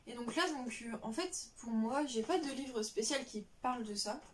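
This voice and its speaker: A woman's voice: a little high, moderate pace, recorded from a distance. A young woman chatting casually about books on a vlog, rambling with lots of fillers and restarts. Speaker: book vlogger. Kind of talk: casual chat.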